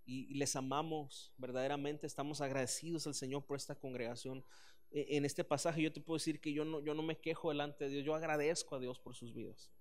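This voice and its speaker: A man, preaching a sermon as pastor, earnest and animated with frequent restarts. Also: on the high side, fairly quick.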